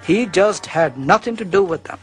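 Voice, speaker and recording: Researcher guy in an interview, kinda high voice, earnest and pointed. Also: animated, moderate pace, faint music behind. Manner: earnest, accusatory.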